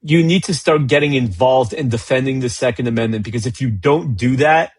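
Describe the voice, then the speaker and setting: Husky man telling a story in casual chat. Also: medium pitch, a little fast, no echo. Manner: storytelling, acts out dialogue with frequent restarts. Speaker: guest, gun rights advocate.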